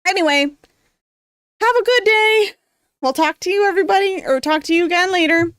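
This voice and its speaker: A very high-pitched, fairly bright female voice speaks fairly quickly in a recording with no room sound. She's a streamer who reads a visual novel's narration and chats casually with viewers, rambling and filling her talk with fillers, while her overused voice prompts occasional coughs.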